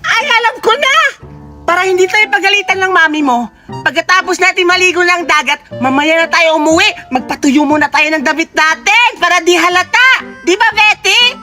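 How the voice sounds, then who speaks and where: A woman voicing Tope, a mischievous, boastful young boy in a cartoon, with a high, bouncy voice over loud music. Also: animated, a little fast, exaggerated voice. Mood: playful. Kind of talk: animated cartoon dialogue.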